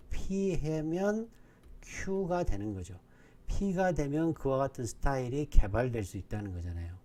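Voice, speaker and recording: Over and over, this man quizzes his online English exam-prep class, then supplies the answers himself in a repetitive drilling style. He has a warm, mid-range voice.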